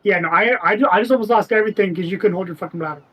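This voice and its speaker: A man in casual tabletop game chat, teasing and quick to sound indignant. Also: sits high, pushed and bright, slightly rough, low-quality recording. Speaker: player.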